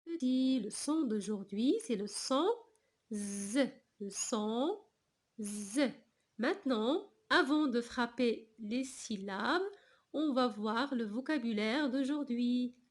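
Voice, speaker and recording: Slow, high-voiced woman teaching a reading lesson. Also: expressive. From Morocco. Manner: slow, deliberate, repeating each sound and word. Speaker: primary school teacher. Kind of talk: reading lesson for young children.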